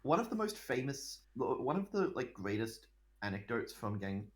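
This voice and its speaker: A man's voice: medium pitch, sing-song, normal speed. A man running a tabletop game as game master, teasing his players between calls for dice rolls. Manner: teasing, laughing banter.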